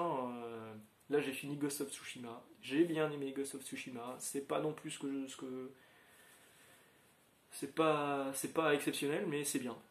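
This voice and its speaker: A man talks casually to his viewers, rambling along with lots of fillers and restarts. His voice sits a little high, and the room around him echoes noticeably. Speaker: channel host.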